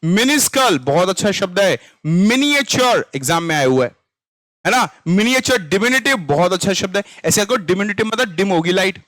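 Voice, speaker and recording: Man, Indian accent, vocabulary teacher, repeats questions, high voice. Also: lively intonation, moderate pace, fairly bright tone, no echo. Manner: chatty, repeats questions to students, mixes Hindi and English. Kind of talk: online exam-prep lesson.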